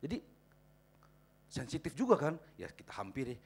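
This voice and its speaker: A middle-aged man preaching a sermon as pastor, chatty and storytelling, swinging from quiet asides to loud, high exhortation. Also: wildly swooping pitch, moderate pace, creaky, slightly rough. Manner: conversational, acts out quoted people in anecdotes.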